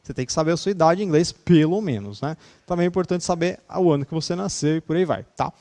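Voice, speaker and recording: A Brazilian Portuguese-accented male teacher with a slightly high voice gives an online English class. He talks in an easygoing, chatty way, laughs easily and tags most sentences with "né". He keeps the lesson relaxed and conversational. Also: fast talker.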